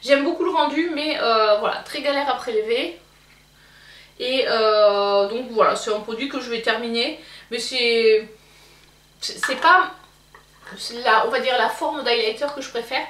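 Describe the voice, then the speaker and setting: Woman beauty vlogger, fairly high voice, hesitant and chatty, mic set back in an echoey room. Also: unhurried, a bit bright, recorded from a distance. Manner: hesitant, many fillers and restarts. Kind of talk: casual product review.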